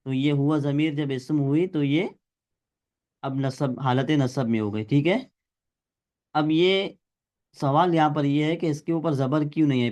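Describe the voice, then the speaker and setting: A man's voice: on the high side, darkish tone. A male teacher giving a classroom grammar lesson, explaining step by step and quizzing his students.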